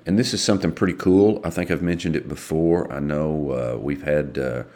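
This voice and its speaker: A man, casually hosting local radio news and announcements in a folksy, halting way. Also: extremely low pitch, fairly even intonation, dark tone. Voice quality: gravelly. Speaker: local radio show host.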